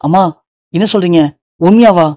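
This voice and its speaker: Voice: medium pitch, moderate pace, a little mellow, dry recording, studio quality, lightly acted. A narrator reading a desperate young man demanding answers. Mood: pleading. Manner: pleading, insistent.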